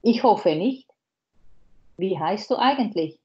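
A woman reading a blunt middle-aged male doctor's lines aloud, slowly, from a novel. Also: mid-range voice, animated, dull audio.

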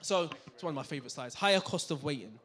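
With soft music in the background, a male finance speaker with a slightly high voice gives a fast, lively seminar talk in a community hall, holding a handheld mic. He's animated and constantly checks in with the audience with "right? yeah?"

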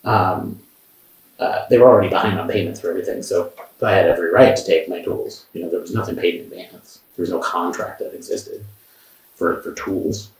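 A man's voice: sits low, a little fast, creaky. A man, a camera assistant, telling his side of events in a police interview, rambling with many restarts and sounding defensive. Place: interview room. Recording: roomy, from far off the mic.

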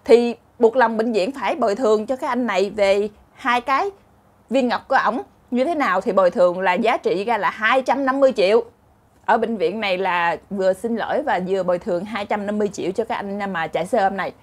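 A woman storyteller host with a Southern Vietnamese accent tells funny short stories in a chatty, casual comic style, laughing often and acting out the characters. Her mid-range voice moves at a brisk pace.

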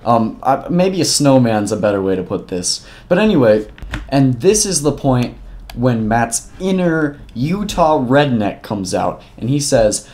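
A man's voice: medium pitch, sing-song, unhurried, a little mellow. Young man rambling through a storytime. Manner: rambling and profane, with frequent restarts. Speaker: vlogger. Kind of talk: casual storytime vlog.

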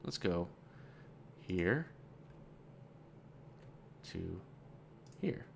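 A man with a fairly low voice gives relaxed let's-play commentary while he works through a game. He thinks aloud in a loose, rambling way and drops in dry, sarcastic asides. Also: drawn-out words, creaky, background noise.

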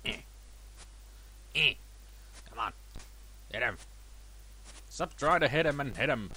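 Taking it slowly over a little hiss or hum, a man with a cold casually remarks on his boxing gameplay while making fun of himself. This let's play gamer's voice is a bit worn, chatty, and lively in pitch.

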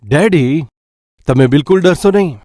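Brief: steady, defiant boy, told by a male preacher, reassuring tone. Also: fairly high pitch, unhurried, dry recording, clean studio sound. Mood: calm. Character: calm defiant teenage son.

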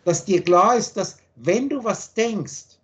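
A man's voice: high-pitched, animated, takes it slowly, fairly bright tone. A man with a German accent lecturing over a video call in a blunt, insistent way, driving his points home with everyday examples. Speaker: spiritual teacher.

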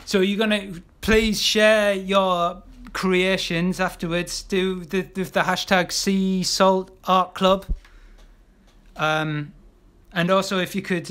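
A man with a fairly high voice guides a live painting class, encouraging the viewers as he works. He talks in a loose, chatty way, full of ums and restarts while his brush moves. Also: a bit bright, smooth. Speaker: illustrator teaching a live art class. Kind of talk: casual live draw-along class.

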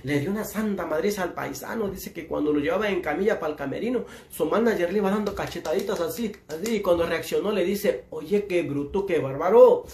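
A man's voice: sits high, quick pace, gravelly, hardly any pauses, a little mellow, echoey room, slight background noise. A man with a Mexican accent telling crude jokes in folksy slang and laughing at his own punchlines. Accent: Mexican Spanish. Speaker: joke teller. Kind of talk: telling dirty jokes to a live audience.

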